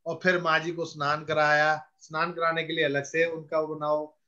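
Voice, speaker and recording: High bright-voiced man telling stories. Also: monotone, highs cut off. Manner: anecdotal, acts out dialogue, explains rituals slowly. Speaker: spiritual guru giving counsel. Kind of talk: storytelling spiritual talk.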